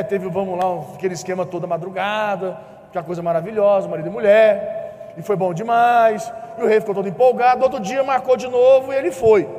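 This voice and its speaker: A man's voice: high voice, warm tone, big-room sound. A Brazilian man preaching a sermon, asking his listeners questions and acting out the dialogue of the story he tells. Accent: Brazilian Portuguese. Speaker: pastor.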